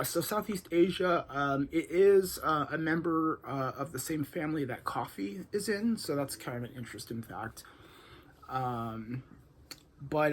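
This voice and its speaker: Halting man with many ums. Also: mid-range voice, slight background noise. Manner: halting, heavy with ums and uhs, candid. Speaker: vlogger recounting his addiction recovery. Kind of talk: casual first-person monologue.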